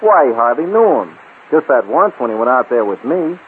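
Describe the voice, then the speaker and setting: A man's voice: medium pitch, very animated, brisk, natural voice. A male actor playing an earnest, eager youth worried for his father in an old-time radio drama. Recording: tinny old radio recording, faint hiss.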